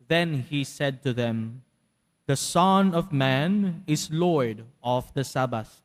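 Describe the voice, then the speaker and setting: A man reading scripture as a priest at Mass, solemn and measured, with a cathedral echo. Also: mid-range voice, expressive. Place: large church.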